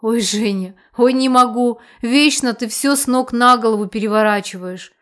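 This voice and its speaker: A loud, blunt village aunt who scolds and mocks in the same breath, as a woman reading the story puts her on. Her voice sits a little high and carries force. It is an audiobook character voice. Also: moderate pace, close to an everyday voice. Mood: scolding.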